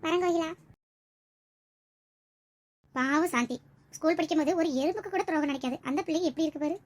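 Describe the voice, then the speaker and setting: A woman voicing a kind but blunt young village wife who talks in a lively way. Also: high-pitched, fast, natural voice. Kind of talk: village comedy skit acting.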